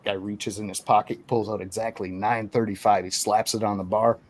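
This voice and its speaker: A man's voice: on the low side, little pitch movement, brisk. A man telling a long bar joke in casual chat, keeping listeners with "right?" as he goes. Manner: loose storyteller with a lot of "right?". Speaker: podcast co-host.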